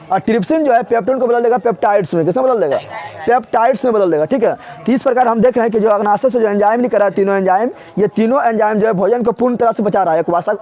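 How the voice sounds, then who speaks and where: Fast, high-voiced male teacher. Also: a little mellow. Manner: repeats questions and answers over and over to drill students; colloquial, with regional Bihari turns of phrase. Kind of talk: classroom lecture with call-and-response drilling. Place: classroom with a board.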